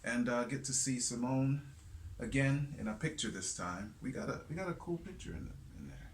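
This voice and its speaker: A man's voice: medium pitch, animated, normal speed. A middle-aged man hosting a podcast with his wife, talking in a playful, joking way full of "uh"s. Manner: playful, jokey, rambling with fillers. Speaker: podcast host. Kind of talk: casual chat with spouse. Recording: faint background noise.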